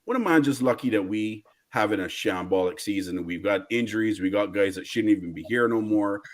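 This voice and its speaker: A man's voice: on the low side, brisk. A man with a Barbadian accent on a casual football fan rant, emphatic, indignant and repetitive, full of slang. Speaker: football fan guest caller.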